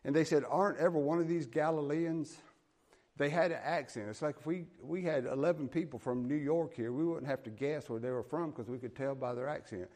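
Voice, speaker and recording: A man speaks in a brisk, somewhat high voice with a darkish tone. He has a Southern US accent and comes from the American South, preaching a sermon in which he reads scripture aloud and explains it in a folksy, plain-spoken way.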